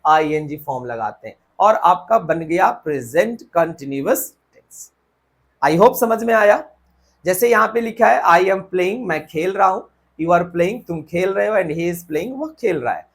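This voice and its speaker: Husky-voiced Indian grammar teacher. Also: male voice, high voice, animated. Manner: spells out words letter by letter, checks understanding often; switches to slow deliberate reading for English rules. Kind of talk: whiteboard grammar lesson.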